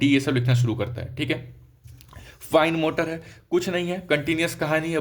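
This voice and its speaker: A young man giving a casual lesson, talking straight to his students and checking in often with "okay". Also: on the high side. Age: young adult. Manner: conversational, repeats "ठीक है" often, addresses students directly. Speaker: medical lecturer. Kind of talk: explaining lesson, casual teaching.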